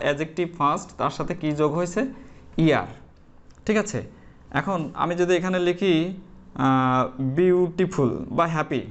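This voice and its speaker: A man with a fairly high voice teaches grammar in an online class. He explains step by step, poses questions and answers them himself, and spells words out letter by letter with small hesitant fillers. The sound is dull and lo-fi. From Bangladesh. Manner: explains step by step, asks and answers his own questions, often checks with "okay?".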